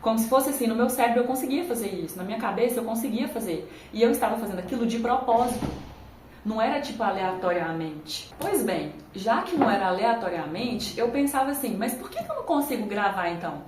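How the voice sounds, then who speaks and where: A woman's voice: on the high side, expressive, quick pace, darkish tone, reverberant, slight background noise, rough recording. A woman talking casually to viewers in a vlog, recorded on a phone camera. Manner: chatty, conversational, addresses viewers directly. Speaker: YouTuber.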